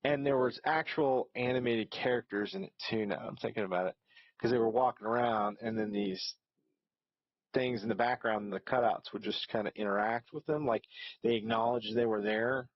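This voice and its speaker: A man's voice: medium pitch, lively intonation, moderate pace, vocal fry, no room sound, dull audio. A man hosting a reaction video, talking casually and rambling, with lots of ums and restarts. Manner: rambling, hesitant, with many fillers.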